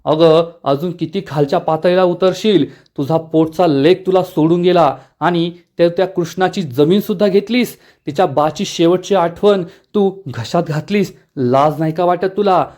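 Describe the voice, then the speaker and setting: A man's voice: a little high, moderate pace, a little mellow, lightly acted. A man voicing an angry older village strongman who scolds and accuses. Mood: angry scolding.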